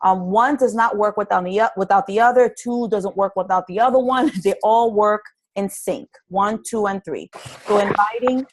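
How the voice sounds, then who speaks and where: Training new fitness business coaches on a live conference call, a woman speaks at normal speed in a mid-range voice. She sounds earnest and encouraging, though she frequently ums and starts over.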